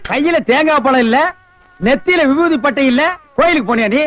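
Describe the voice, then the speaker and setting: A man with a Tamil accent acting a scornful loudmouth who mocks and scolds beggars in a film comedy scene. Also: very high-pitched, fairly quick, slight background noise. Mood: scolding. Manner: sharp mocking scolding. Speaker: comedy actor.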